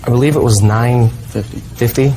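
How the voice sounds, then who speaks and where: A man's voice: mid-range voice, fairly quick. A man, a student defendant answering questions in court. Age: 20s. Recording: noisy courtroom ambience.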